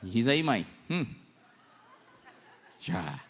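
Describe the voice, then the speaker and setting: A young man preaching at a church congress, telling lively stories in slangy talk and acting out the voices he quotes. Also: mid-range voice, drawn-out words, creaky, husky, some chatter behind. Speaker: pastor. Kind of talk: lively storytelling sermon.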